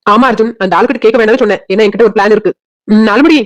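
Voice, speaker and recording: A woman voicing a calm, resourceful young village woman with a Kanyakumari Tamil accent, speaking in a steady, reassuring way and taking charge. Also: mid-range voice, rapid-fire, highs cut off, pitched below the performer's own voice, lightly acted.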